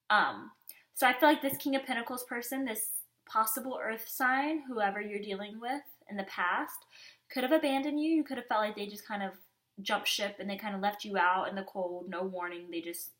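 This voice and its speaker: A woman's voice: fairly high pitch, fairly bright tone. A young adult woman giving a casual tarot reading, chatty and conversational, often checking in with "you know what I mean.". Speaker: tarot reader.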